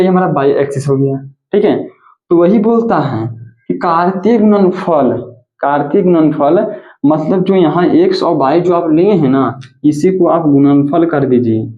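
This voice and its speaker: A male mathematics teacher giving a classroom lecture, who repeats points and asks and answers his own questions. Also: a little high. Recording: echoey, tinny phone-like audio.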